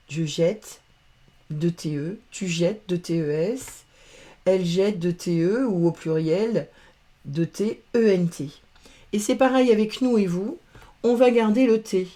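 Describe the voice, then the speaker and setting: A woman's voice: fairly low pitch, takes it slowly, dark tone. A woman teaching verb conjugation in a patient, careful lesson, spelling out letters and sounds one by one. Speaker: French grammar teacher. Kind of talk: slow, careful grammar lesson.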